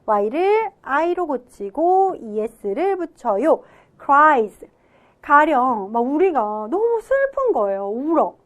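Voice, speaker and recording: A woman's voice: high voice, sing-song, slow, muffled recording. A woman teaching an English grammar lesson, explaining step by step and asking questions that she then answers herself. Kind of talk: classroom grammar lecture.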